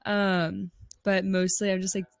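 A woman in her 20s from Pennsylvania, United States, hosts a podcast, chatting casually in a bubbly, upbeat way full of fillers. Her mid-range voice is flat, unhurried and creaky, with no echo. She's on an outdoor rooftop terrace, holding a large desk mic close and wearing headphones.

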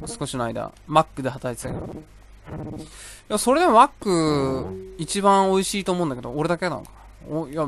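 This let's-play clip features a young man casually narrating his own gameplay, talking to himself and rambling between outbursts while game music plays. His voice is fairly high. Background noise is audible.

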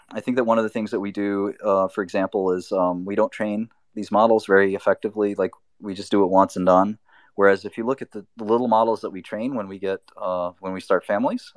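A man from Albania hosts a live audio chat, talking loosely and rambling with plenty of fillers and restarts. His voice is fairly low-pitched, and the recording is dry.

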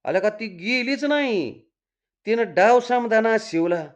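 A man's voice: high-pitched, animated, measured pace, lo-fi sound, pitched above the performer's own voice. A man voicing a cocky young village lad, grumbling. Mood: recounting. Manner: rural dialect, scolding and grumbling. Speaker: storyteller voicing a character. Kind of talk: dramatic Marathi story reading.

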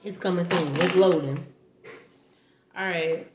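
A woman's voice: on the low side, fairly even intonation, unhurried. Young woman chatting casually in an echoey kitchen. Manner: playful, informal banter. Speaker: vlog host. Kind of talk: casual taste-test chat to camera. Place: indoors, home kitchen. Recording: echoey room with faint noise, handling clicks.

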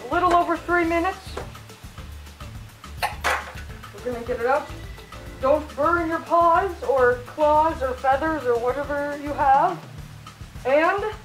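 A woman with a high voice talks through a playful cooking tutorial, chatty and mock-serious. She is in a home kitchen, her voice a little muffled by a costume head. The room echoes and soft music plays underneath. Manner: jokey, chatty, mock-instructional. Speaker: channel host cooking in fursuit.

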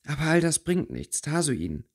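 A man's voice: a little high, big pitch swings, moderate pace, pitched above the performer's own voice. A man voicing a worried, caring teenage schoolgirl in a read-aloud fantasy fanfiction audiobook. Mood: worried chatter. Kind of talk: audiobook character voice.

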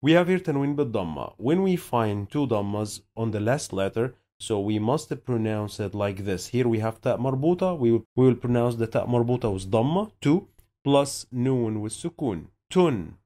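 A man with an Egyptian Arabic accent teaching reading, sounding out syllables slowly and repeating each word several times, explaining in two languages. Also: medium pitch, animated, warm tone. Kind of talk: slow syllable-by-syllable reading lesson.

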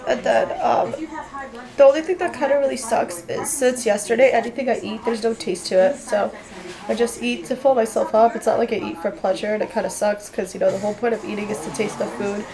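Tired, gravelly young woman after nose surgery. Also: fairly even intonation, a little fast, a crowd in the background, rough recording. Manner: tired, low-key, rambling. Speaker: vlogger recovering from nose surgery. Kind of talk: casual vlog update. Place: at home indoors.

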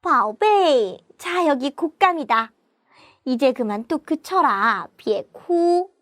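A woman's voice: high voice, animated, slow, a bit bright, dry recording, clean studio sound, heavily acted. A woman playing a soothing storybook mother. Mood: coaxing. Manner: coaxing, lulling. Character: gentle young mother soothing her baby. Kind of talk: children's puppet-show storytelling.

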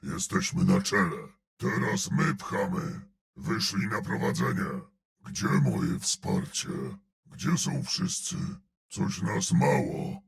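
An actor voicing a huge, gruff male brute in a video game, growling out terse battle callouts and dry sardonic remarks in a gravelly voice. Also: low voice, very animated, slow, full character voice.

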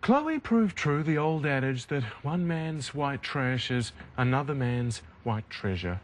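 Slow deadpan male commentator. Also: medium pitch.

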